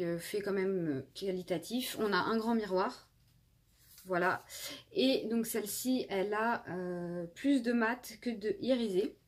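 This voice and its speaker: A young woman in her twenties talks through her makeup haul in a relaxed, chatty way, stopping often on fillers and restarting her sentences. Her voice is slightly husky at an ordinary middle pitch, picked up by a phone camera indoors. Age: 20s. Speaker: beauty vlogger. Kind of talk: casual makeup haul review.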